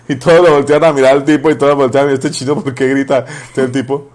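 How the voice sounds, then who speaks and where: A man's voice: mid-range voice, little pitch movement, quick pace, darkish tone. A man, preaching informally as a pastor, telling personal stories and repeating phrases for emphasis.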